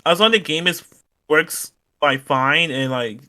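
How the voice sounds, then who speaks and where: A man's voice: on the high side, unhurried, bright, forceful tone. A young man as an interview guest, talking casually and filling his answers with "like". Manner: chatty, lots of "like" fillers. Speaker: guest streamer.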